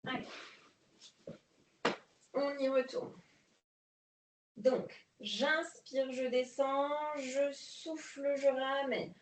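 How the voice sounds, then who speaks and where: A woman leading a guided prenatal exercise class, calmly counting breaths and giving coaching cues. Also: high-pitched, extremely slow, pauses often, recorded from a distance. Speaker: prenatal fitness instructor. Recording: echoey room, voice off-mic.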